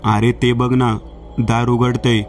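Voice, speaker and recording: Frightened young husband, panicky and pleading, read by a male storyteller, monotone delivery. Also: medium pitch, slow, distant mic, faint music behind, close to an everyday voice. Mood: panicked.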